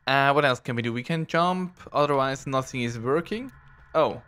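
A man's voice: mid-range voice, expressive, measured pace, a bit bright, clean tone. A man giving casual commentary on a first playthrough, rambling and self-deprecating as he reads on-screen text aloud. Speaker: let's play gamer.

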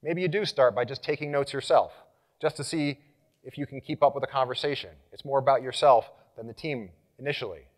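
A man speaking as a conference presenter, energetic and engaging, leading the audience through exercises and getting louder as he rallies the room. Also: mid-range voice, fairly quick. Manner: animated, gets louder when rallying the room. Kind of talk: live conference talk.

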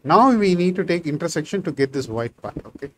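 This programming tutor, a man in his thirties whose native tongue is Tamil, sounds animated and a touch high, talking a little fast. He's walking through code on a shared screen from a small room, casually reasoning out loud with plenty of fillers, against slight background noise.

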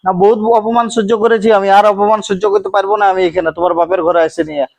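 A man's voice: sits high, racing, vocal fry, a little mellow. A man playing an insulted young son-in-law. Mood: aggrieved. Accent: Manbhum Bengali. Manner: aggrieved, insistent. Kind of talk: amateur village comedy drama.

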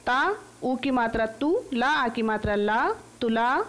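Teaching little children over the internet, an Indian woman with a slightly high voice carefully sounds out words one syllable at a time in a slow phonics drill.

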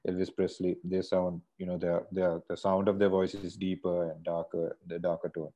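This guest, a singer from Sri Lanka, speaks on a video call in a rambling, casual manner with plenty of restarts. His low-pitched voice is dark and flat, moving at a normal speed. He's in a bright indoor room, using an earphone mic.

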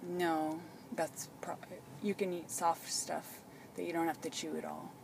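Creaky-voiced woman chatting in a noisy car. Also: fairly low pitch, flat delivery, a little slow. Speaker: caregiver filming a patient. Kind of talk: casual chat. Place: inside a parked car. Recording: clearly noisy in-car recording.

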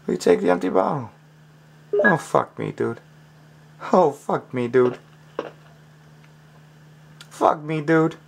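Lively, cursing gamer man. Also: a little high, slow, gravelly, long pauses. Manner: frustrated, swearing, talking to himself. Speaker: gaming channel host. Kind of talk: let's play commentary.

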